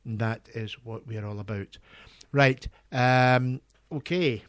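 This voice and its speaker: A man presenting on community radio, talking earnestly and enthusiastically in a halting, chatty way. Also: medium pitch, fairly even intonation, fairly bright tone, dry recording, studio quality.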